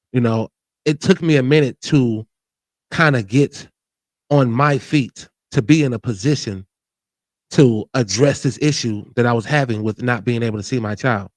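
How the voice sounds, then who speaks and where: A man's voice: mid-range voice, darkish tone, dry recording. A man in his forties talking candidly and earnestly about his own life, often restarting and adding "you know what I mean". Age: 40s. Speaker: show host. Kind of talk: candid personal talk.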